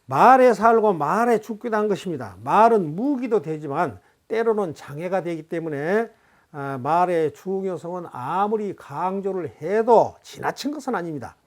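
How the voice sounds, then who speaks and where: A Buddhist monk giving a Dharma talk, teaching in a calm, measured way with everyday examples and asides. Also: medium pitch.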